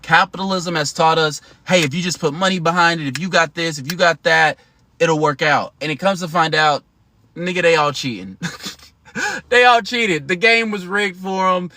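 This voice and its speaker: Here an American man in his thirties hosts a casual livestream, chatting with viewers in a slangy, emphatic manner. His pitch is fairly high, his tone sharp, and his pace moderate.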